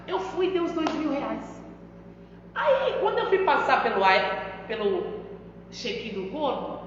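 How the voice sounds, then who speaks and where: Emphatic brazilian woman testifying, hall echo, faint noise behind. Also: high voice. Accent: Brazilian Portuguese. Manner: emphatic, addresses the pastor often. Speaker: missionary. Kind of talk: testimony preaching. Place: church hall. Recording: echoey church hall, dull sound.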